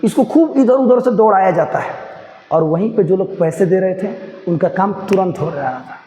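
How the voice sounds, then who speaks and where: High-voiced male teacher explaining line by line. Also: normal speed, dark tone. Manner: repeats phrases, checks understanding, calls students "babu". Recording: echoey hall with faint noise.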